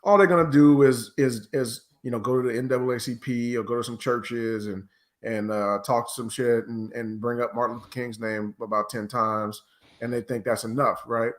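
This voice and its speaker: Man, American accent, medium pitch, casual podcast panelist, opinionated, argumentative. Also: steady tone, normal speed. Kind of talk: casual political podcast discussion.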